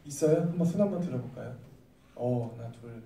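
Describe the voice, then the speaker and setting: A man's voice: mid-range voice, fairly quick, gravelly, echoey room, distant mic, a little hiss or hum. A man preaching a sermon to a youth group, telling stories and acting out the quoted lines. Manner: lively storytelling, acts out quoted lines. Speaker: youth pastor. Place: church hall.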